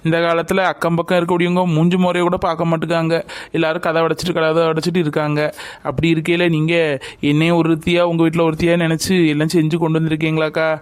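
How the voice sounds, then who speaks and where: A man's voice: a little high, completely flat delivery, fast talker, smooth, dry recording, lightly acted. A man voicing a grateful, emotional pregnant young woman in a family skit. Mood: tearful.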